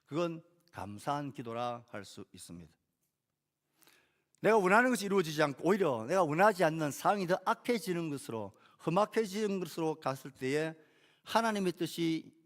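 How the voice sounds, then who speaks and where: Preaching in a fairly high pitch, a male pastor keeps a measured delivery. Key phrases rise, sentences fade softly at their ends, and he puts rhetorical questions to his congregation.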